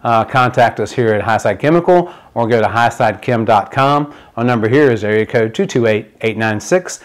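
A man's voice: mid-range voice, moderate pace. A middle-aged man in a product demonstration video, explaining a repair step by step with plenty of fillers, at a demo table indoors.

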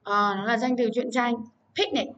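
A woman's voice: a little high, steady tone, moderate pace, a bit bright, muffled recording. A woman teaching English word stress to children, repeating words and urging her pupils to hurry and write. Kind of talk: online class teaching. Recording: voice from a distance.

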